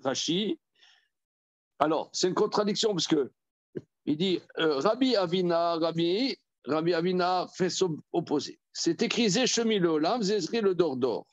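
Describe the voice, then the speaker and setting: Rabbi leading a study class, higher voice, halting delivery with repeated words, dry and dull lo-fi recording. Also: male voice, no room sound. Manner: halting, repeats words, reads verses aloud and then explains. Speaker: rabbi teaching a Torah class. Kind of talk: Talmud study lesson.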